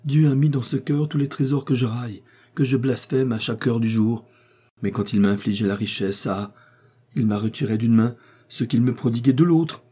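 A man's voice: medium pitch, normal speed, dark tone, slightly rough, natural voice. A man reading an audiobook, voicing a proud and passionate young heiress who distrusts her suitors, speaking with vehement feeling. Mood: impassioned. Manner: impassioned, vehement, sometimes tearful.

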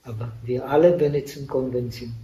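A man, a Buddhist monk, giving a dharma talk at a meditation retreat in non-native German, halting with many pauses and fillers. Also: mid-range voice, steady tone, dark tone. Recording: echoey room, voice from a distant mic.

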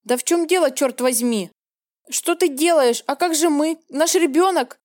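A woman voicing a naive young woman in an audiobook, pleading in a shrill, raised voice. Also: normal speed, darkish tone, no echo, studio quality, close to an everyday voice. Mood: desperate pleading.

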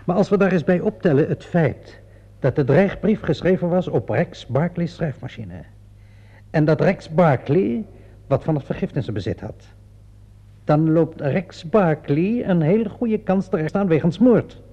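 Playing a relentless police inspector in a radio play, a man presses a cornered suspect methodically with insinuating, mock-polite, deliberately theatrical questions. His voice is on the high side, mellow and husky, with lively intonation in a full character voice. The vintage audio is dull and muffled.

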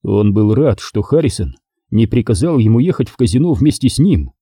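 A man narrating a crime novel as an audiobook in an expressive, dramatic reading. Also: medium pitch, brisk, breathy edge, no echo, studio quality.

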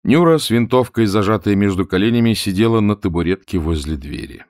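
A male audiobook narrator with a fairly low voice that rises and falls animatedly as he tells a comic story. He is recorded close on a studio mic in a dry booth with no room sound. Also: a little fast, dry recording. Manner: expressive, lively storytelling. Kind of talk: scripted narration of a humorous novel.

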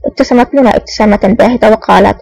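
A woman reading a spy novel aloud as an audiobook narrator, brisk and even, with the odd slip and restart. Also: medium pitch, gravelly, breathy edge, no room sound, poor audio.

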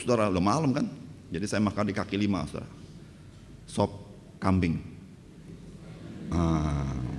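A male pastor, preaching a sermon through humorous stories and asking the congregation "right, brothers and sisters?". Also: low-pitched. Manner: grows louder and more fervent in preaching. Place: church hall. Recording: church hall reverb, faint background noise.

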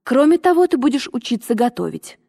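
A woman's voice: sits high, very animated, a little fast, gravelly, dark tone, breathy edge, voice pushed up, exaggerated voice. A woman voicing a stern, cold middle-aged aunt who speaks in a dry, clipped, commanding way. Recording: long reverb.

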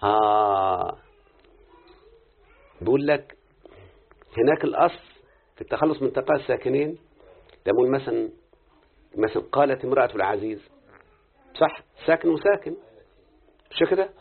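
Egyptian male teacher, brisk questioning delivery, husky, tinny phone-like audio. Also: mid-range voice, expressive. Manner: quick explaining, checking understanding with questions. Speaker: teacher of Quranic readings and grammar. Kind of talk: live lesson with a student.

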